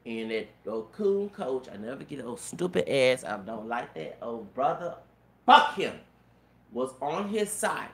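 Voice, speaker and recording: In a sing-song, fairly bright, mid-range voice that sounds feminine, a man in his thirties meanders a little slowly through a personal story. His telling is full of stammered restarts that repeat, profanity, and frequent "you know what I'm saying." The room echoes noticeably, with faint noise behind him.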